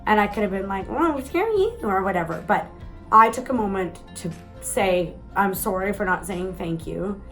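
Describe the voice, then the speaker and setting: A woman's voice: mid-range voice, fairly even intonation, normal speed, a bit bright, soft background music, poor audio. A woman, telling a candid, chatty story to the camera, with some mild swearing. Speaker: vlogger.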